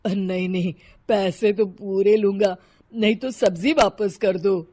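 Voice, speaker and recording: A woman voicing a poor male vegetable seller in an animated cartoon, meek and pleading. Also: medium pitch, a little slow, lightly acted.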